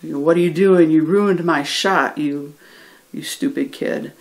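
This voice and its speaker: A storyteller voicing an angry, hateful man with a rifle who yells accusing questions at a boy. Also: medium pitch, slow pace, gravelly. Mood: angry yelling. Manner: yelling, loud and accusing.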